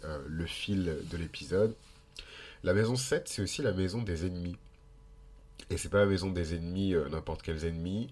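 A man's voice: sits low, breathy edge. A Frenchman with a French accent and a nasal, congested voice from a blocked nose, talking casually and hesitantly as he explains things as a podcast host. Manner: informal, hesitant, thinking aloud. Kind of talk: casual explanatory monologue with digressions.

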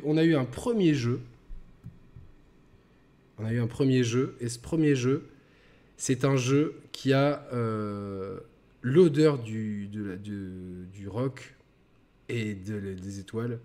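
Speaking slowly in a slightly mellow voice, a man hosts a relaxed gaming chat podcast. He jokes around, does a mock reading of a sarcastic pitch, and repeats himself as he starts sentences over.

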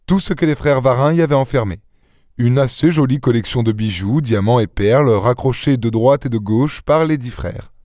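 Guy doing smooth mocking gentleman burglar, light and cocky, audiobook. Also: medium pitch, moderate pace, dry recording, clean studio sound, pitched above the performer's own voice, natural voice. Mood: teasing, triumphant. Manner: airy, teasing, self-assured. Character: suave gentleman thief, adult man, mocking. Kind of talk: audiobook character reading.

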